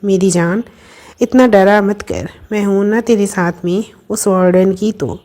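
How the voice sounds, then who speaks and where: A woman's voice: medium pitch, a little slow, mellow, close to an everyday voice. A woman voicing a bold, teasing young woman who fusses over her friend. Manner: teasing, bossy and affectionate.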